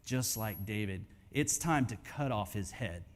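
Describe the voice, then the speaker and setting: A man preaching a sermon at a men's conference in a church hall, emphatic and swinging from hushed to near-shouting. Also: on the low side, animated, unhurried.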